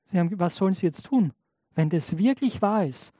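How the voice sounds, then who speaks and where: A man's voice: high voice, expressive, normal speed, mellow, no room sound. Conversational male preacher, dry sound. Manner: conversational, often asks the congregation "oder?"; acts out biblical and imagined speakers in changed voices. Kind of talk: sermon.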